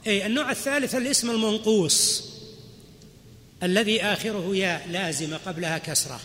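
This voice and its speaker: A man's voice: sits high, a little fast, pushed and bright. A man teaching Arabic grammar to a class, explaining patiently and quizzing his students. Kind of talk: classroom lecture. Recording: hall reverb, faint noise.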